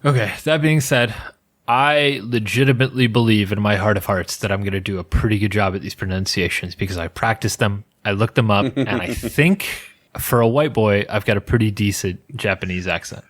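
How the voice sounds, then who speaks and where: Sharing researched lore on a casual podcast he co-hosts, a man keeps things playful and loose, often restarting his sentences. He talks fairly quickly in a lowish voice.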